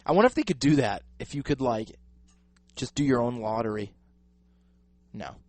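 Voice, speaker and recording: A New man co-hosts a loose radio talk show in a studio, bantering and joking with his friends. He speaks into a headphone mic at a middling pitch. He sounds animated and easygoing. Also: moderate pace, no room sound. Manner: animated, joking, says dude a lot. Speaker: radio co-host.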